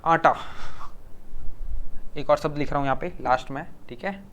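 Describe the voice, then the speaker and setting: A man teaches exam-prep grammar in Hindi with a Chhattisgarh accent, at a moderate pace. His clear, resonant voice sits a touch higher than most men's, with a fairly bright tone, though the highs are cut off. He repeats each word again and again and keeps asking the class to confirm they follow.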